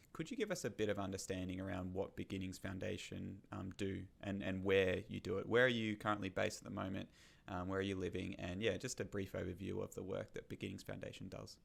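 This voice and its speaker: Podcast host: a man, deep and heavily gravelly, encouraging, affirms with soft "mm"s. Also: fairly quick. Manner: encouraging, frequent "mm" backchannels. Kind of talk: podcast interview.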